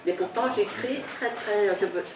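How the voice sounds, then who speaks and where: An older woman from Vietnam speaking with a Vietnamese accent, a novelist reminiscing in an interview, halting and repeating words with frequent laughter. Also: mid-range voice, far from the mic, background noise. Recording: echoey room, speaker off-mic.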